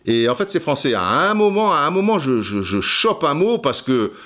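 A man's voice: a little high, big pitch swings, normal speed, bright, forceful tone. A man hosting a podcast, telling a rambling, digressive story with many restarts and asides. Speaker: podcast host. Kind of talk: casual storytelling monologue.

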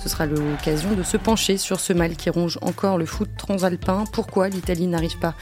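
Woman, podcast host, measured delivery, slightly low voice, faint music behind. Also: steady tone, a little mellow. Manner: clear, measured presenting with a few fillers. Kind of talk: scripted podcast introduction and moderation.

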